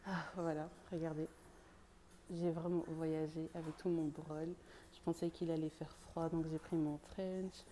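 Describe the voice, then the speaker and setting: A woman's voice: low-pitched, little pitch movement, unhurried, background noise. A woman vlogger chatting casually and slangily, as if to friends. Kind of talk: casual vlog chat.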